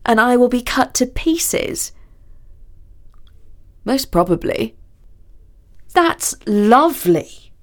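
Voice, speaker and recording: A woman's voice: mid-range voice, darkish tone. A woman voicing a reluctant young man made a knight, complaining and sulky.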